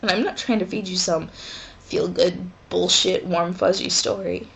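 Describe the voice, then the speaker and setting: A woman in her twenties talking haltingly and emotionally in a personal vlog from her dorm room, with pauses and sighs. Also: on the low side, fairly even intonation, gravelly, rough recording. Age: 20s. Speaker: vlogger.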